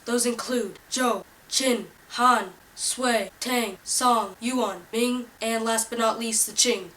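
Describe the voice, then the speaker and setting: A young woman giving a scripted, salesy hard-sell infomercial pitch with rhetorical questions. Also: fairly even intonation, slow pace, a bit bright. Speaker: student presenter. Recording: noisy amateur recording, distant mic.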